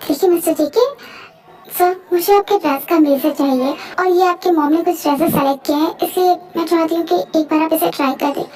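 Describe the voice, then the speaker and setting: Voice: extremely high pitch, fairly quick, darkish tone, soft background music. A dubber voicing a spirited young woman wedding planner in a fan dub, mixing English phrases into Hindi. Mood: pleading.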